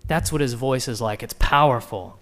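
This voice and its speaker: A man preaching a sermon, asking the listeners direct questions and swinging between hushed and emphatic delivery. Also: mid-range voice, normal speed.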